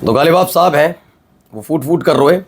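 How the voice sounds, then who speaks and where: Emphatic male news anchor. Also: on the high side. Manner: emphatic, rhetorical questions, drawn-out pauses. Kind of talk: Hindi news commentary.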